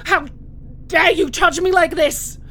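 Woman acting high-voiced, halting, defiant captive warrior. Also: fairly even intonation, fairly bright tone, exaggerated voice. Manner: halting, stammering, pleading and protesting. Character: wounded, defiant captive female warrior-monk, frightened and proud. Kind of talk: dramatic solo audio role-play.

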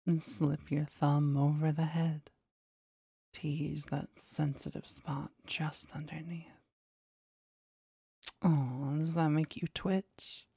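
A woman whispers close and breathy, her low voice husky with gravelly fry. She takes her time over every word in a teasing, commanding way. The sound is intimate and dry. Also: little pitch movement, slow, long pauses, dark tone, dry recording. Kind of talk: whispered intimate ASMR roleplay.

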